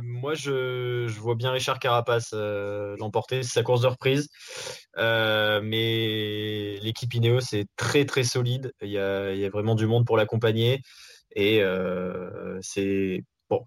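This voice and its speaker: A man's voice: on the low side, no room sound, studio quality. A man giving his pick on a casual podcast, hesitant and full of fillers. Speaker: panelist. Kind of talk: casual chat.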